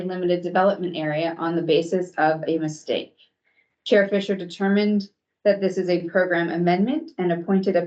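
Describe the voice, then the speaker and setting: Staff presenter, female, low voice, steady briefing, dull lo-fi video-call audio from a screen-recorded meeting. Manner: measured, clear, with some hesitant ums.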